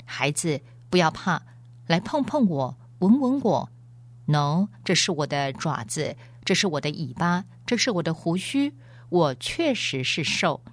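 A great lion speaks calmly and with measured authority, as a woman reads him. The voice is low and the delivery unhurried. The room is dry and close. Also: no echo, exaggerated voice. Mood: gentle. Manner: calm, measured, fatherly. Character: great male lion, wise, gentle and stern.

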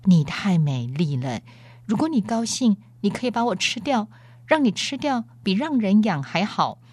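A woman voicing a gentle, devoted female talking horse who speaks in a trembling, adoring way. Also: mid-range voice, very animated, normal speed, slightly rough, no echo, pitched above the performer's own voice.

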